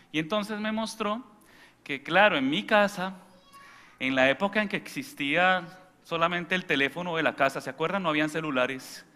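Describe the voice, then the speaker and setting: A man giving a homily as a priest at Mass, telling stories and shouting out imitations of his family, often checking in with the congregation. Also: a little high. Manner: asks the congregation for agreement. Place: church during Mass. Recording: church with long reverb.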